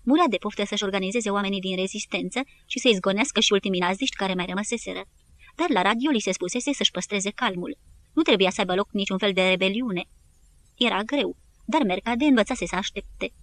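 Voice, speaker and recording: A woman narrating a war history audiobook in an even, measured reading. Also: medium pitch. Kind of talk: scripted narration.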